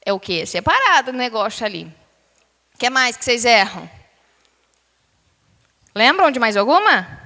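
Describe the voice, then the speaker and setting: A fairly high-voiced woman teaching a live class, quizzing the room and stretching words out slowly for emphasis. Her voice rings with the long reverb of a large hall. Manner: lively, questioning the class, drawing out words.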